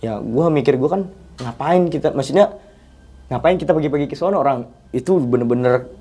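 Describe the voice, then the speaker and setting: A young man, a podcast guest casually telling a story in slangy, animated chat. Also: mid-range voice, fairly quick, breathy edge. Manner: animated, slangy, often addresses the host as 'Bang'.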